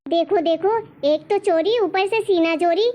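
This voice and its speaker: Cartoon mother-in-law, middle-aged woman, very high-pitched, insulting, bossy. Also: measured pace, mellow. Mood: scolding. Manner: shrill and insulting. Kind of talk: cartoon voice acting.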